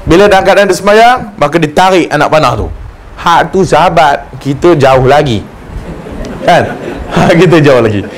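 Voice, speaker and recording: A man giving a lively, joking religious lecture and acting out the voices he quotes. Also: on the high side, moderate pace. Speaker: religious teacher. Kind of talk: humorous mosque lecture.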